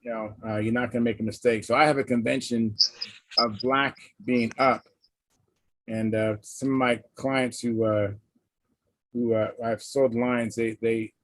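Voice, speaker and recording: A man hosting a casual live hangout, chatting in a halting, conversational way and reading out comments. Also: medium pitch, flat delivery, dry recording, low-quality recording. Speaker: host of a hobby livestream hangout. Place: live online video hangout.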